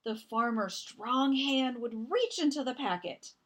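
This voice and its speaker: Speaking very slowly in a high voice, a woman storyteller reads a picture book aloud. She narrates the children's story expressively, deliberately, and with dramatic emphasis.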